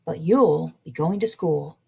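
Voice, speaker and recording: Caring no-nonsense mom in a picture book, lady reading it out, slightly husky. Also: low voice, measured pace, mellow, exaggerated voice. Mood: gentle. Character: mother of farm-worker family, firm, caring.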